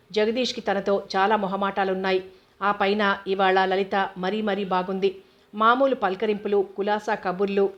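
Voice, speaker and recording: Woman reading a novel aloud, flat even delivery, muffled lo-fi sound. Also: mid-range voice. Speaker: audiobook narrator. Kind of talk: scripted narration of a novel. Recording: dull lo-fi recording.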